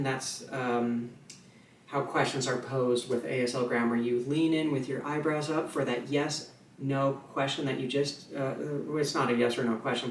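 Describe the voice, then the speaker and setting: A man teaching sign language in a relaxed, chatty way, with fillers and restarts, slowing down to mouth his example sentences. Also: medium pitch. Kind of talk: casual instructional video. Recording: echoey room, voice a little far from the mic, faint ambient noise.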